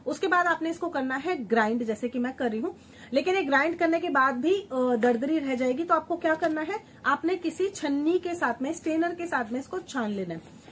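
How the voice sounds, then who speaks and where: Female beauty-tips vlogger, high voice, repeats words for emphasis, chats warmly like a sister. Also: expressive, a little fast, slight background noise. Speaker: home remedy vlogger, channel host. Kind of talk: chatty beauty tips vlog. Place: at home, grinding and sieving while she talks.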